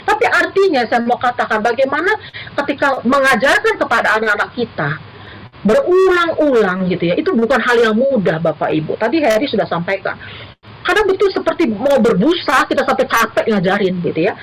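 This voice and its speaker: Middle-aged woman giving a church talk, fairly high voice, very expressive pitch, faint room hum. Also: a little fast, rough recording. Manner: earnest, addresses listeners as brothers and sisters. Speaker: university lecturer speaking at church. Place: church service.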